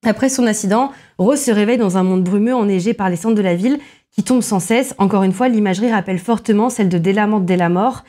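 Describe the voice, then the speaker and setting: A woman in a film podcast, analysing a horror movie in casual chat, with frequent filler pauses and restarts. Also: mid-range voice, dark tone. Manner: many filler pauses, restarts, self-deprecating asides.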